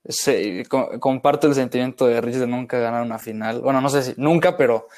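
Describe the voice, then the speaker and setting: A young man with a Mexican accent talks casually as a podcast co-host. He often circles back and restarts his thoughts. His voice is smooth and clear at an average pitch. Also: brisk, darkish tone. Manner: rambling and reflective, with frequent restarts. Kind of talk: casual chat.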